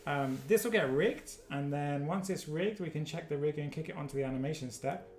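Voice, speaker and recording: A man presenting a casual livestream product demo, joking and upbeat as he talks through the software. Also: fairly high pitch, brisk, faint music behind. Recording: roomy echo.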